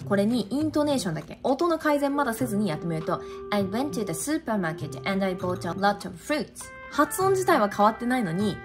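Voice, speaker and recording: A woman teaching pronunciation in a video lesson, emphatic and speaking straight to viewers. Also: on the high side. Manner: lively, emphatic, addresses viewers directly. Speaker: English teacher. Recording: background music under voice.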